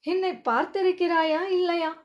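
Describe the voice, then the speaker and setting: A woman's voice: very high voice, level tone, moderate pace. A woman reading the part of a suspicious, commanding prince who fires short, demanding questions, on a dull lo-fi recording. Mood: stern. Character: commanding prince, middle-aged man, suspicious. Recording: dull lo-fi audio.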